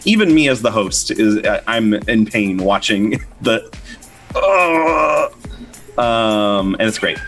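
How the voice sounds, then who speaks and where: A man's voice: on the low side, expressive, takes it slowly, fairly bright tone, faint music behind. A man hosting a casual livestream chat, rambling with fillers and easy laughs. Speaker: host.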